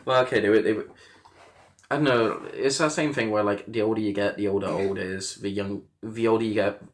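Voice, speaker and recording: A man's voice: on the low side, brisk. A man in his twenties, a podcast host, chatting casually and laughing often as he tells stories. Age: 20s. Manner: laughs often, animated storytelling. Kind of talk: casual chat.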